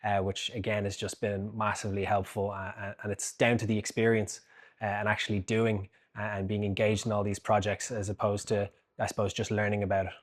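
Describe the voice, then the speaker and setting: A graduate student in his twenties gives a reflective testimonial, pausing often and using fillers. His voice is lowish with little pitch movement.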